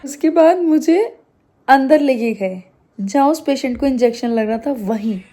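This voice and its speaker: Young female vlogger with a high voice, chatty and animated, retelling an event. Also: a little slow. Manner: animated retelling, acting out what others said. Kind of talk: casual storytelling to camera.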